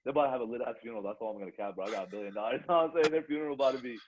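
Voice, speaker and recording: A man's voice: mid-range voice, very fast, highs cut off, a little hiss or hum. A young man co-hosting a podcast in casual banter, very slangy, constantly dropping bro, man and like. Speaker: podcast co-host.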